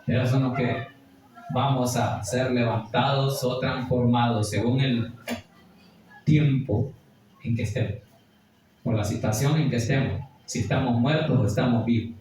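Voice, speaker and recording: A man preaching a Bible study sermon, slowing and rising high as he reads scripture aloud. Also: a little mellow, a little hiss or hum. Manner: rises sharply when reading scripture aloud, slow emphatic phrasing. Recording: echoey room, far from the mic.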